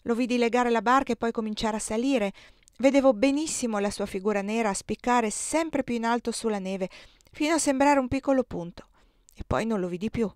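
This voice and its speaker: A woman reading the part of an eager young male servant who tells his news excitedly and insistently, in a dry close recording. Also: on the high side, brisk, dry recording, pitched above the performer's own voice, lightly acted.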